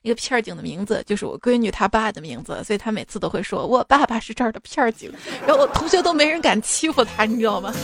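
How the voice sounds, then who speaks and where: A woman's voice: on the high side, lively intonation, racing, vocal fry, hardly any pauses, slight background noise. A woman hosting casually, reading out listener comments with informal, playful asides. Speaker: host of a comic listener-stories show. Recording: music playing behind the voice. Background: music.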